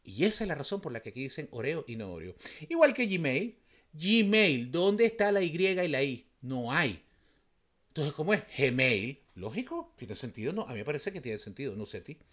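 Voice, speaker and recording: A man's voice: medium pitch, very animated, brisk. A man from Venezuela with a Venezuelan accent, giving casual, emphatic reaction commentary as a vlogger, full of rhetorical questions.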